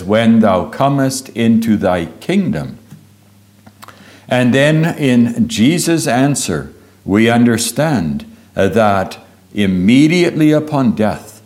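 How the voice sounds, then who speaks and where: Slow, deliberate male preacher. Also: mid-range voice, a little mellow. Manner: slow and deliberate, with frequent "uh" pauses and "oh" exclamations. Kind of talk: sermon retelling a Bible story.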